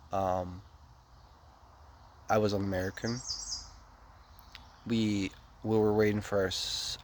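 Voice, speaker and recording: Man, 30s, from Ukraine; low, flat, slow and gravelly, rambling casual vlog delivery, faint outdoor noise. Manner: rambling, many fillers and restarts.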